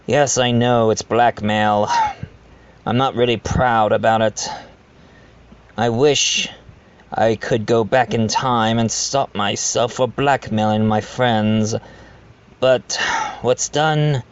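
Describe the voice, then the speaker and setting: A man's voice: mid-range voice, steady tone, takes it slowly, pauses often, smooth, lo-fi sound, lightly acted. A man playing a genteel, blackmailing manor owner who confides in the listener in an amateur audio drama. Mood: resigned, confiding. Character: blackmailing manor owner, self-aware, genteel adoptive father.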